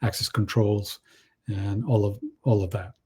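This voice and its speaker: Low husky-voiced man, mellow tone, halting panel talk with lots of restarts. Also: level tone. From Chile. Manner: halting, many restarts and fillers. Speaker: panel guest. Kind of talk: panel discussion.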